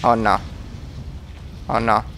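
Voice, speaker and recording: A man's voice: on the low side, level tone, very slow, sharp tone, a little hiss or hum. A man hosting a let's play, chatting and exclaiming as he jokes about the game. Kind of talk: gameplay commentary.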